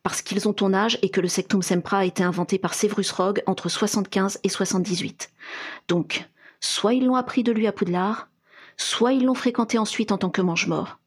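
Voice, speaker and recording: A man's voice: sits high, steady tone, a little fast, husky. A woman reading aloud and voicing a young wizard investigator who speaks coldly and curtly. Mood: suspicious. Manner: cold, curt.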